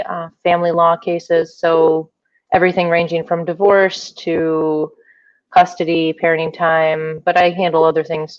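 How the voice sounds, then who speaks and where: A woman's voice: on the low side, no echo. A woman attorney speaking as a guest on a video call, hesitant and thinking aloud. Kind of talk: casual video-call interview. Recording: dull distant video-call audio.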